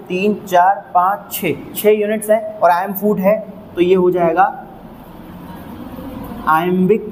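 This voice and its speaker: A male teacher with a high voice walks through a lesson step by step, counting out each unit aloud and pausing to ask if it is clear. His voice rings with a long reverb, and a faint hiss sits underneath. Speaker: English teacher. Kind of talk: classroom lecture.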